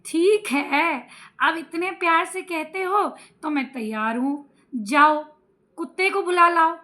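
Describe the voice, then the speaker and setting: A woman's voice: extremely high pitch, slow, bright, forceful tone, heavily acted. Woman voicing a friendly storybook deer. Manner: kindly, amused. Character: sleepy deer, friendly and easygoing.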